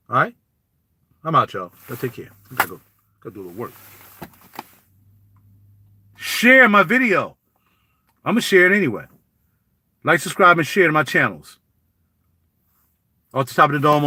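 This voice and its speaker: A man, riffing in animated, preachy street talk as a YouTube vlogger, recorded close to the mic. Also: on the high side, no room sound. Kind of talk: casual spoken commentary.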